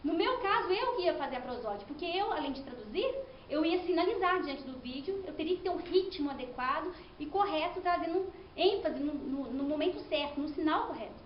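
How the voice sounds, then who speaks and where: Woman, very high voice, giving a thesis presentation in an echoey room with somewhat dull sound. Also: animated, fairly quick, few pauses, slight background noise. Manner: explanatory, with frequent "né?" and restarts. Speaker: student presenting her thesis. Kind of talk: academic presentation.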